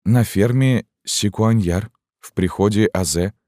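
A man's voice: lowish voice, unhurried, a little mellow, dry recording, clean studio sound, pitched above the performer's own voice, close to an everyday voice. A man reading an audiobook voices a frightened young peasant mother who stammers and falters. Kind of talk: audiobook narration.

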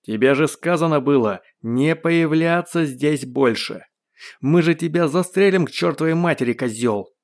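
A man voicing a gruff male guard shouting rough, bossy orders through a loudspeaker in an audiobook. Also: fairly high pitch, expressive, unhurried. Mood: barking orders. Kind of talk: audiobook character voice.

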